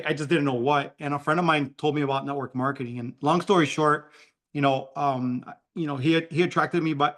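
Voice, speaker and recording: A man with a Cuban-American Miami accent tells his story at a rapid clip on a video call. He talks in a rambling way, full of fillers and restarts. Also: fairly high pitch, a bit bright. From Miami, Florida. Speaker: guest speaker.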